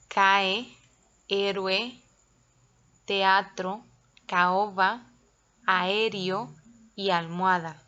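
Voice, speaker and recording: Female teacher, unhurried and methodical, dull lo-fi sound. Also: medium pitch, a bit bright. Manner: slow, careful, spells out syllables. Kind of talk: recorded classroom lesson.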